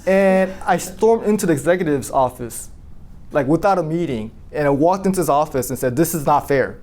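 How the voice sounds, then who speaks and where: A man who runs an insurance agency, telling his team a personal story in a lively, casual way, full of "like" fillers and questions to the room. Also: a little high, fairly quick. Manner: animated, asks the room questions, many "like" fillers.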